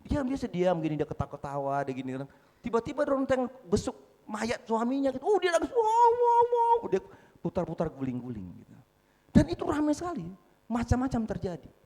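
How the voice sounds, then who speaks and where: Emphatic preacher in an echoing church. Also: male voice, sits high, very animated, quick pace, mellow. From North Sumatra, Indonesia. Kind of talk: sermon. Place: large church hall. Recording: echoey hall with long reverb.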